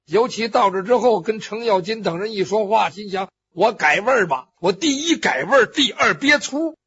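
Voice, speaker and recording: A man's voice: sits high, fairly bright tone, breathy edge. A man telling a traditional Chinese story vividly, with spoken sound effects and acted cries. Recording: dull lo-fi recording.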